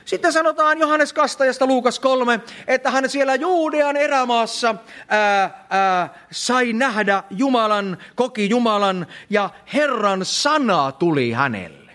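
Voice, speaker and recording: A man's voice: very high voice, lively intonation, sharp tone. A middle-aged man preaching a sermon in church, emphatic, repeating phrases and calling the congregation friends.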